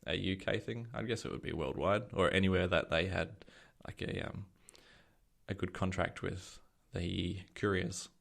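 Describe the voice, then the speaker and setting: Gravelly low-voiced man on a podcast. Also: steady tone, normal speed, fairly bright tone. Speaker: podcast co-host. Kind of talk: casual chat.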